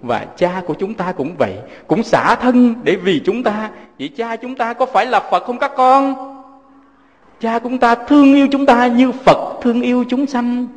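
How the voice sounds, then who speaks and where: A man's voice: very high voice, moderate pace, long reverb tail. A Southern Vietnamese man, a Buddhist monk, giving a fatherly sermon full of personal stories and speaking to his listeners as his children.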